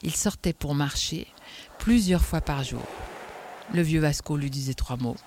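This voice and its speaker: A narrator reading a novel aloud in a wry, measured way. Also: mid-range voice, a little mellow, a little hiss or hum. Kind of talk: audiobook narration.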